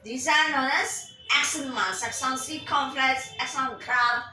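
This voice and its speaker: Female French tutor, slow and deliberate, spells words out; recorded from afar in a very echoey room with faint hum. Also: sits high, bright, forceful tone. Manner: spells words letter by letter, repeats slowly. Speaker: French teacher. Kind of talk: slow spelled-out language lesson. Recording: echoey room, heard from a distance.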